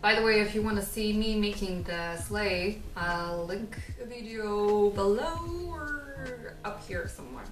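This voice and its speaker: A woman's voice: mid-range voice, measured pace, few pauses. A woman in her thirties casually narrating a home tour, chatty and self-mocking with frequent laughs. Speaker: craft vlogger. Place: living room, indoors. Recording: roomy, distant sound with music behind. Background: background music.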